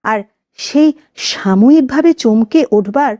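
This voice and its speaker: Woman narrator, audio story, slow, measured, dramatic, warm tone, dry close sound. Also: fairly high pitch, lively intonation, no echo.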